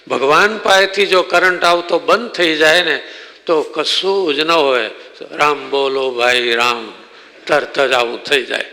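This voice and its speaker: Bright-voiced preacher in a reverberant temple. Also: male voice, on the high side. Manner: lively storytelling, acts out quoted exchanges. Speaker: swami giving a religious discourse. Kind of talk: sermon storytelling. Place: temple hall. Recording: long reverb in a temple hall.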